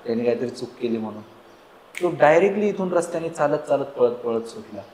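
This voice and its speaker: A male podcast host with a mid-pitched voice, frank and chatty, who tells stories and asks questions. The recording has a roomy echo. A faint background hiss sits underneath. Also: animated, quick pace, darkish tone. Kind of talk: casual conversational interview.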